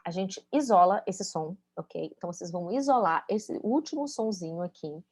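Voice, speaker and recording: A woman's voice: fairly low pitch, expressive, normal speed, a little mellow, breathy edge. A woman teaching English pronunciation in a casual spoken lesson, speaking, explaining patiently and checking in with her students as she demonstrates sounds.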